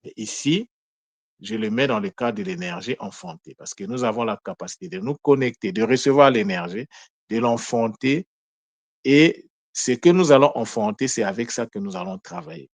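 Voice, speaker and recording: A man giving a lesson on word meanings, in a deliberate way that poses questions and answers them, often correcting himself mid-sentence. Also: medium pitch, animated, dry recording. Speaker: teacher of Kikongo word meanings. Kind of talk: explanatory lesson talk.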